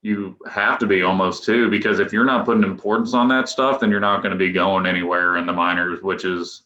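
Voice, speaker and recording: A man in his twenties, a professional pitcher, chatting loosely as a podcast guest with restarts and chuckles. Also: fairly even intonation, fairly quick, sharp tone, slight background noise. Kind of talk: casual podcast interview. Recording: echoey room, dull lo-fi sound.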